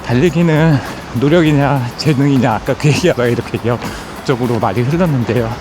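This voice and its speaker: A man's voice: medium pitch, fairly quick. A man talking to his viewers while running, in a casual vlog monologue broken into short phrases. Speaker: running content creator. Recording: music over outdoor recording. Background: music.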